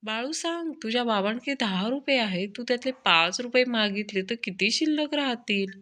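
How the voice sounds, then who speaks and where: A woman's voice: a little high, expressive, normal speed, bright, forceful tone. A woman reading as a stern village schoolmaster. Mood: quizzing. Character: stern male village schoolteacher quizzing pupils.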